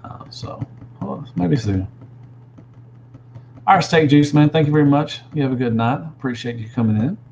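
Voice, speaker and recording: A man in his thirties with a Southern drawl and a gravelly mid-range voice chats casually on a livestream, answering live chat as a toy reviewer. He's relaxed and rambling, with drawn-out fillers and lots of "man," speaking into a gaming headset in a small room at home. The recording is muffled with a little hiss or hum.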